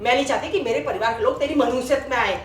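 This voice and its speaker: A woman's voice: sits high, rapid-fire, lightly acted. An actress playing a proud, casteist mother-in-law who scolds her daughter-in-law and her maid with contempt. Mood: scolding. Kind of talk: short film acting. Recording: echoey room with music.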